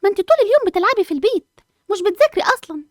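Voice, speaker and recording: A woman's voice: extremely high pitch, very animated, rapid-fire, dry recording, studio quality. A woman voicing a whiny, lazy schoolgirl twin with an Egyptian accent. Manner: whiny, complaining.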